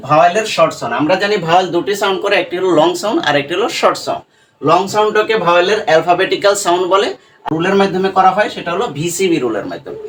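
A fairly high-pitched man teaches English pronunciation, asking a question, answering it himself and tagging it with "right?". He sounds set back from the microphone, with a faint hiss of background noise. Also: fairly bright tone. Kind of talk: classroom-style spoken lesson. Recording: distant mic with faint room noise.

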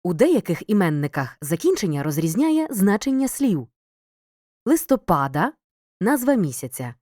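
A woman reading a scripted grammar lesson as a teacher, clear and measured, pausing between listed words. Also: on the low side, a little mellow, no room sound, clean studio sound. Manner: clear, measured, reads word lists with pauses. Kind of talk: scripted educational narration.

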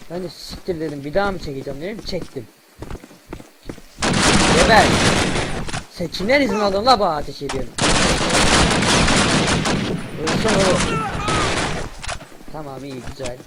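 Young man, high-voiced gamer, rowdy and foul-mouthed over loud gunfire from the game. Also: very noisy. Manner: loud, cursing, shouting at enemies. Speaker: gaming video creator. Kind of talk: casual gameplay commentary.

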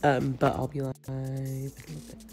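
A woman's voice: rumbling low, little pitch movement, moderate pace, a little mellow, rough recording. Rambling young woman livestreaming from home. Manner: rambling, full of "like" fillers, blunt and swearing. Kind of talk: casual livestream chat. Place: at home, in her kitchen. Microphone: phone.

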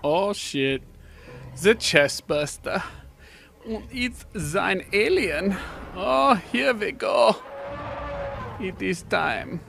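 A man's voice: high voice, lively intonation, extremely slow, creaky. A man giving casual, jokey and profane commentary while streaming a video game. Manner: jokey, profane, laughs often. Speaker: let's play streamer. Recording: over loud game music.

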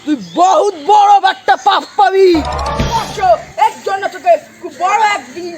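Comedy cartoon sage: male actor as stern holy man, drawn-out admonishing delivery, artificially very high voice, loud music bed. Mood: stern, scolding.

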